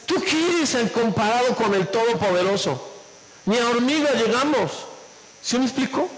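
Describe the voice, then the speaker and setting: High-voiced pastor preaching in an echoey hall. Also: male voice, animated, normal speed. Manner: asks the congregation many questions; acts out quoted voices in a lower tone. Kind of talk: sermon. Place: church. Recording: echoey church hall with faint room noise.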